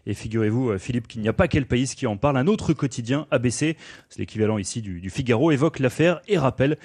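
Guy doing a live radio report from abroad, halting, quoting papers, dry sound. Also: mid-range voice, lively intonation, darkish tone, husky, dry recording. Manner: halting, reads out press quotes. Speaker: foreign correspondent.

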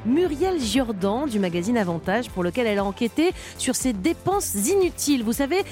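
A woman from Perpignan co-hosting a radio show, announcing the program in a clear, measured way. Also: a little high, sing-song, darkish tone, faint music behind. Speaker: radio co-host.

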